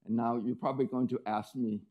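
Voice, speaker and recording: A man's voice: mid-range voice, fairly even intonation, quick pace, dull audio. A man lecturing to an audience, explaining step by step, often checking in with "okay?" and "right?" and restarting phrases as he thinks. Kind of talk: academic lecture.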